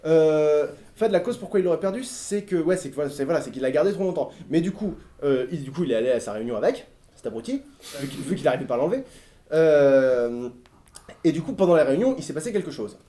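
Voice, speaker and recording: A man's voice: a little high, expressive, fast talker, mellow. A man hosting a riddle game on stage, laughing often and hesitating while he answers questions. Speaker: game host. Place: convention stage before an audience. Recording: live crowd in a hall.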